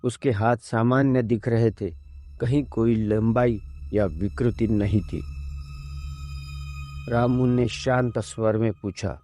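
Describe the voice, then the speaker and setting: A man narrating a scripted horror story in a measured, ominous way. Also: medium pitch, fairly even intonation, mellow. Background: faint music.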